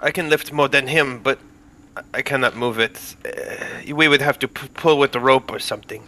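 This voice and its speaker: A man playing a solemn adventurer who speaks in halting, broken phrases in a tabletop game. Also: mid-range voice, sharp tone, lightly acted. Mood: earnest. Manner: halting, broken grammar, earnest.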